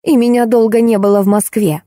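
A woman's voice: moderate pace, dark tone, no room sound, natural voice. A woman voicing a rude, irritable middle-aged woman artist who snaps and accuses, in a dry close recording. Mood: angry. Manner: snapping, shrill, accusing.

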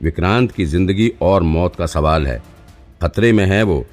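A man's voice: deep voice, animated, normal speed, a little mellow, faint music behind. A man voicing a worried, urgent young male police trainee in an audiobook.

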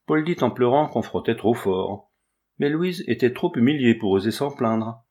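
A man narrating a classic children's story aloud in a measured, expressive reading. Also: medium pitch. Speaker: audiobook reader.

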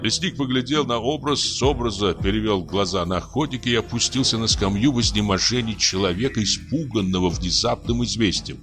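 A man narrating a classic story, measured and expressive. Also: fairly low pitch, over music.

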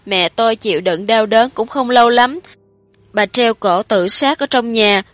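A woman's voice: fairly high pitch, unhurried, a bit bright, dry recording, soft background music. Horror audiobook: woman reader doing a cowering middle-aged man, raised and strained, pleading through tears, dry close read. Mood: tearful confession. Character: frightened guilt-ridden middle-aged man confessing.

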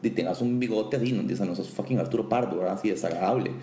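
A Costa Rican man in his forties hosting a comedic interview, teasing his guest in a mock-serious way, with halting restarts. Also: on the low side, mellow. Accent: Costa Rican Spanish. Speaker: host. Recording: echoey room with faint noise.

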